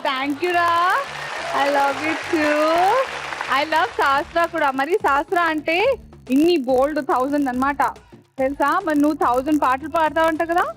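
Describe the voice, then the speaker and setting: Cheery high-pitched woman game show host. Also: steady tone, measured pace. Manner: cheery, sing-song, coaxing with children. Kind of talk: bubbly show hosting, Telugu mixed with English. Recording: music playing behind.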